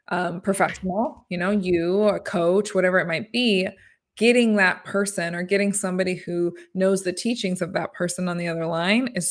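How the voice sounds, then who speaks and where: A woman hosting a podcast interview, chatting casually and encouragingly and laughing easily. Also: on the low side. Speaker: podcast host.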